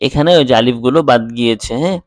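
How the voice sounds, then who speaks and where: A man teaching Quran reading, spelling out letters and vowel marks slowly and then explaining quickly. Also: medium pitch, no room sound. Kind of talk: slow syllable-by-syllable recitation lesson.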